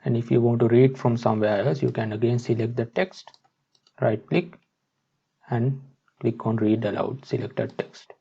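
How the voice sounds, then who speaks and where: Speaking at a medium pitch, this man has a gravelly, husky voice. He haltingly walks the listener through a software tutorial one step at a time, recorded on a muffled, dull-sounding mic.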